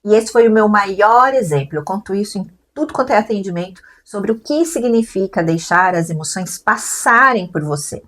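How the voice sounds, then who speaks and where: A woman's voice: mid-range voice, normal speed, few pauses. Woman from brazil chatting on a podcast, acts out the family voices as she tells it. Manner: animated storyteller who acts out family dialogue. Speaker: podcast co-host. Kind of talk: casual conversation. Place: lives in Portugal.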